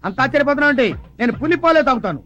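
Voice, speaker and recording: A swaggering gangster boss. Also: male voice, extremely high pitch, animated, racing, pushed and bright, exaggerated voice. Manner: swaggering, mocking, domineering. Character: boastful, bullying male gangster boss. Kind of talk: Telugu film comedy acting. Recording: dull film soundtrack with faint music.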